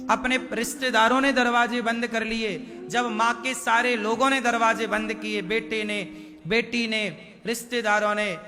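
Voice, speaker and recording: High-voiced preacher in a reverberant hall. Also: male voice. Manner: chants Sanskrit verses, acts out dialogue. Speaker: Bhagavat Katha preacher. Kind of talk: devotional sermon storytelling. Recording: reverberant hall with music behind.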